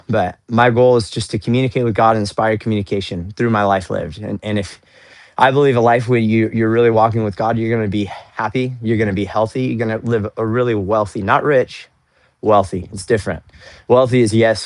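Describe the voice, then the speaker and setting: A young man with a fairly low voice talks earnestly and upbeat on a faith-based motivational livestream, often repeating words as he goes. He is outdoors in the snow, cooling off after a workout. The sound is dry and close. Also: dry recording. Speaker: livestream host.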